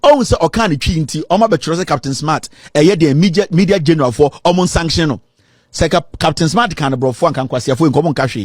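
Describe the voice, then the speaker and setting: High-pitched radio commentator. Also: male voice, a little fast, a little mellow, dry recording, studio quality.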